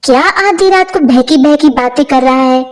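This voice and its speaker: A woman's voice: sits high, normal speed, natural voice. A woman voicing a worried young husband in a storybook tale, stern and exasperated. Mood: puzzled. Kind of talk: storybook character voice.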